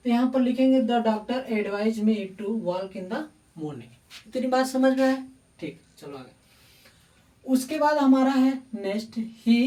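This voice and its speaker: A woman's voice: on the high side, mellow. A woman teaching a grammar lesson, asking the class questions, answering them herself and checking in often. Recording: echoey room, voice from far off the mic.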